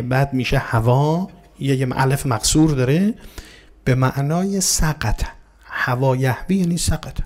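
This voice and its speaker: A man's voice: medium pitch, darkish tone. A man giving an explanatory religious talk. He poses rhetorical questions, answers them himself, and addresses his listeners politely. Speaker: religious lecturer.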